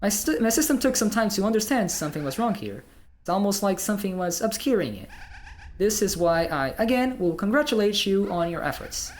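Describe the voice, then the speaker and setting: A player voicing a smug female AI ruler of a simulated world in a put-on, slow, measured robot voice, reading game dialogue aloud. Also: mid-range voice, animated, slight background noise, lightly acted. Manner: condescending, coolly formal.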